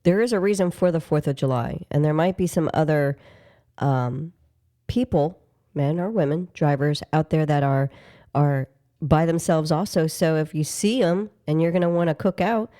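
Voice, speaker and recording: Mellow-voiced woman co-hosting a podcast. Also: sits low, normal speed. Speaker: podcast co-host. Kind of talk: casual podcast chat.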